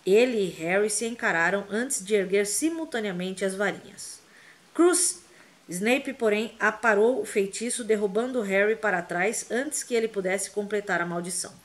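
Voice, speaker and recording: Female audiobook narrator; expressive, vivid storytelling. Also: medium pitch, moderate pace, few pauses. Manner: dramatic, vivid reading. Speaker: audiobook reader.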